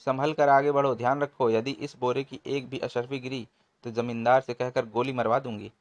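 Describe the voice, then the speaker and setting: A man putting on a shrill scheming village woman. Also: level tone, normal speed, close to an everyday voice. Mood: commanding. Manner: wailing, exclaiming. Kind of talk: comic storybook narration.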